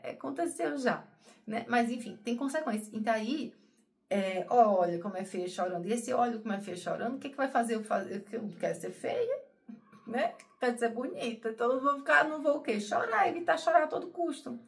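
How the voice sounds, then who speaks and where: A woman who hosts a spiritual channel gives her viewers a personal, emotional monologue, rambling, repeating herself, and often calling them "gente." Her high-pitched voice is expressive, fairly quick, and creaky.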